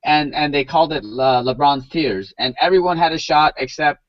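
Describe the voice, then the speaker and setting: A man's voice: fairly high pitch, normal speed, no room sound. A man hosts a loose podcast chat in a slightly raised voice. He rambles, stumbles over repeated words and leans on "you know". The recording is dry and dull, like lo-fi audio. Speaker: podcast host. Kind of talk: casual chat.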